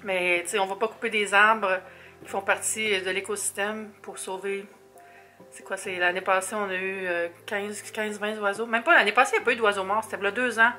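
A woman's voice: mid-range voice, steady tone, moderate pace, pushed and bright, faint music behind. A young woman from Quebec with a Québécois accent, chatting casually in a vlog, rambling and laughing often, now and then dropping English words. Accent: Québécois French. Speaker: vlogger. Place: her apartment, indoors.

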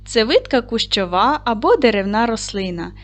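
Clear, slow-spoken woman teacher. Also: a little high, big pitch swings, soft background music. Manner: slow, clear, encouraging classroom delivery. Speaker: primary school teacher. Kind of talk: online lesson for young children.

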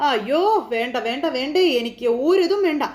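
A woman voicing an angry, indignant middle-aged mother who scolds her son in sharp outbursts. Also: high-pitched, lively intonation, normal speed. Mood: scolding.

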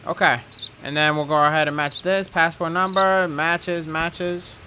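A young man commentating a video game casually, with loud, profane, joking reactions. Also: on the high side, fairly even intonation, unhurried, a little hiss or hum. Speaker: gaming streamer.

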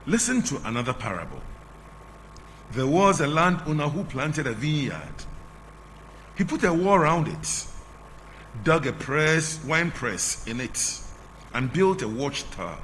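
The voice of this middle-aged canon, who has a Ghanaian English accent, is slightly high, sing-song and a bit bright as he reads the gospel and preaches at the altar of a large sanctuary. He speaks in measured, drawn-out phrases with falling endings, masked, into a lectern microphone. Long church reverb and a faint hum surround him.

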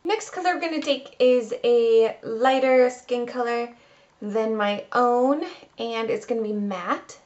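Her voice on the high side with a darkish tone, a twenty-something beauty vlogger talks a little slowly as she walks through a casual makeup tutorial. She's chatty and informal, filming in a small room at home, and the camera-mic recording is muffled.

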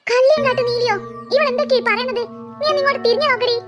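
A woman's voice: extremely high pitch, fairly even intonation, very fast, music in the background. A woman voicing a frightened young girl in a cartoon who stammers and cries out for her mother. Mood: puzzled. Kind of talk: cartoon voice acting.

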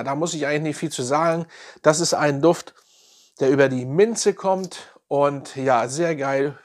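A man reviewing fragrances in a casual, enthusiastic way, piling on slangy praise. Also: mid-range voice. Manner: enthusiastic, repeats slang praise like "nice" and "geil".

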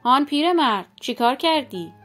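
A woman's voice: high voice, lively intonation, a bit bright, soft background music. A woman voicing a male talking snake in a folk tale, speaking in a demanding, threatening way. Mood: commanding.

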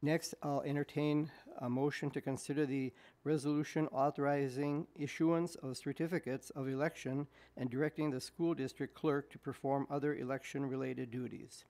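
A man reading official resolutions aloud at a school board meeting in a measured, deliberate way, speaking into a desk microphone in a meeting room. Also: medium pitch, flat delivery, dark tone.

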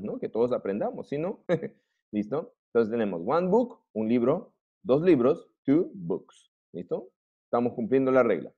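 A male teacher with a Peruvian Spanish accent leads an online lesson at an unhurried pace, his pitch rising and falling a lot. His voice is a little husky, and the audio is muffled. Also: a little mellow. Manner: patient, drills words slowly and asks "¿listo?" often. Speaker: English teacher.

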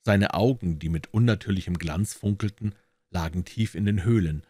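A man narrating a classic detective novel as an audiobook reader, in measured storytelling with lively emphasis. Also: low-pitched. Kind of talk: scripted narration.

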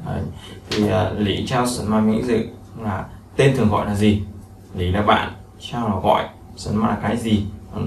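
A man's voice: lowish voice, fairly even intonation, moderate pace, vocal fry. Guy teaching a lesson, lots of "uh"s, echoey room with light hiss. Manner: repetitive, explanatory, many fillers. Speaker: Chinese language teacher. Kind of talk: explaining a textbook lesson. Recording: echoey room, mic at a distance, faint noise.

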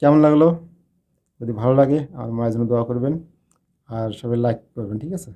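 A man's voice: medium pitch, fairly quick, lo-fi sound. A man casually telling a funny personal anecdote, chatting straight to his listeners with questions. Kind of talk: casual spoken storytelling.

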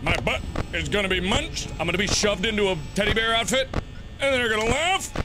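A man's voice: high voice, animated, fairly quick. A man commentating on a horror game with comic, sweary, melodramatic panic. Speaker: video game player reacting. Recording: loud music behind the voice.

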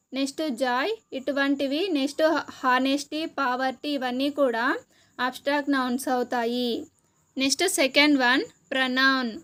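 A woman with a Telugu accent teaching an exam-preparation lesson, listing terms slowly one by one. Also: high-pitched, fairly bright tone.

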